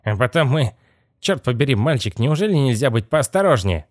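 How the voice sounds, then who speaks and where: A man voicing an older, irritable and puffing male gang leader in an audiobook, gruff and bossy. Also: medium pitch, expressive, brisk, no echo, studio quality, voice pushed up, close to an everyday voice. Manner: gruff, bossy, easily annoyed. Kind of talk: audiobook character voice.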